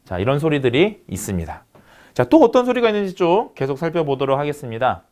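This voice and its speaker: A man's voice: fairly high pitch, very animated, fast, darkish tone. A man giving a recorded university lecture, explaining step by step and repeating key terms.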